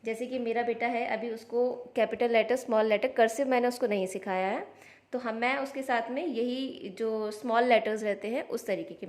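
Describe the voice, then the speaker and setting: In a casual instructional vlog, a mother patiently walks through teaching children phonics step by step, sounding out each letter. Her voice is a little high.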